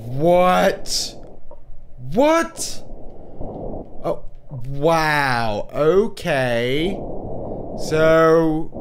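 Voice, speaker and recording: A man giving let's play commentary, exasperated and swearing as he yells at the game he is playing. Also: fairly high pitch, background noise. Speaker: gaming channel host.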